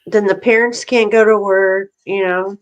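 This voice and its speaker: Middle-aged lady just chatting on a podcast, animated, acts out who said what, medium pitch. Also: unhurried. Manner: animated storyteller, acts out phone calls. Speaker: podcast co-host. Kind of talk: casual chat.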